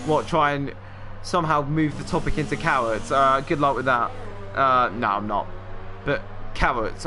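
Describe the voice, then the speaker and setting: A man commentating casually on a livestreamed race, chatty and excitable, who can't pronounce his R and TH sounds, saying w for r. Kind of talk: casual live sim-racing commentary with banter. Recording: noisy mic with engine rumble.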